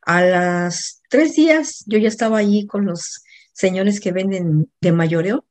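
Speaking at medium pitch and a slightly slow pace, a middle-aged woman with a Mexican accent recounts a personal anecdote with energy. She's a coach, and she frequently corrects herself partway through sentences.

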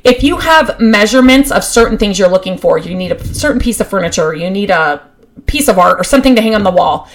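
A woman of middle pitch hosts a podcast, handing out practical tips in a casual, chatty flow. She talks with plenty of fillers and restarts, and her enthusiasm for the topic comes through. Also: quick pace. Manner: gets excited about her topic. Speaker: podcast host. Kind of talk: casual advice talk.

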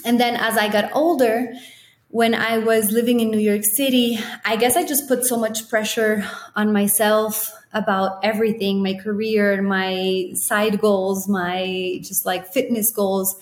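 A young woman from Ecuador, a podcast guest, telling her story in a warm, reflective, often laughing way. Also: medium pitch, level tone, measured pace. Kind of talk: casual interview chat. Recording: roomy echo.

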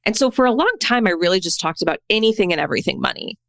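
A woman's voice: fairly low pitch, very animated, very fast, vocal fry, a bit bright, no echo. A woman in her thirties, a podcast guest, talking candidly and casually, full of "like" and "right?". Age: 30s. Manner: candid, chatty, peppers speech with "like" and "right?". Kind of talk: casual conversational storytelling.

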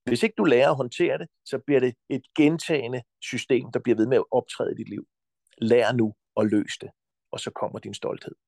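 A Danish man talking as a podcast guest, giving forceful advice bluntly and insistently, with frequent swearing. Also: medium pitch, fairly even intonation, creaky, no room sound.

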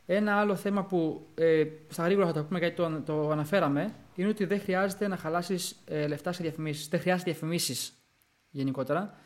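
Casual chat podcast, young man, a touch high-pitched, animated delivery. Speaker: podcast co-host.

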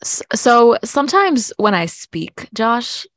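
A woman in her twenties, a podcast guest, talking in a meandering, animated, self-questioning way on a video call. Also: fairly high pitch, slow pace, dry recording, studio quality. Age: 20s. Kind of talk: reflective podcast conversation.

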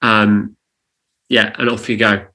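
A man's voice: fairly low pitch, little pitch movement, slow, pushed and bright, low-quality recording. A man co-hosting a casual podcast chat, giving advice in an earnest, emphatic, coaching way. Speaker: podcast co-host on church leadership.

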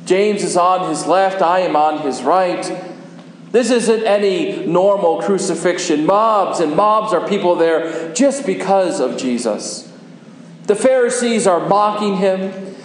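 A man's voice: high voice, lively intonation, slight background noise. A man playing a humble repentant criminal in an echoing hall. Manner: earnest, slow and deliberate. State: short of breath. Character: repentant crucified male criminal, humble and hopeful. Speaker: dramatic monologue performer. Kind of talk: first-person dramatic monologue. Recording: echoey hall with long reverb.

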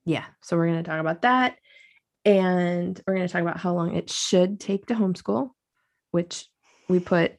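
This podcast co-host talks at a moderate pace, her voice pitched fairly low. It's a loose conversation with her sister, packed with filler words and ready laughter.

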